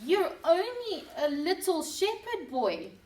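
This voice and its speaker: A woman's voice: extremely high pitch, big pitch swings, takes it slowly, darkish tone, pitched above the performer's own voice, full character voice. A woman voicing a doubtful old king. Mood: skeptical. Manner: skeptical, questioning. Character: doubtful older male king. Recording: roomy sound from a distant mic.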